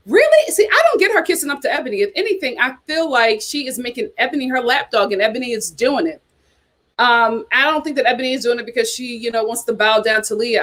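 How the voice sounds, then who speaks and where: She's the host of a relaxed reality TV chat, a woman whose voice sits fairly high. Talking straight to viewers and reacting to what they write, she comes across as animated, opinionated, blunt and gossipy, often repeating herself for emphasis.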